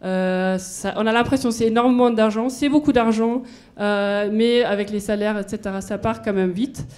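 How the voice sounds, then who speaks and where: Speaking at normal speed with medium pitch, fairly even intonation and a darkish tone, a research physicist in her forties with a German accent delivers a conference talk in a university lecture hall. She holds a handheld microphone, moves about, and uses everyday examples.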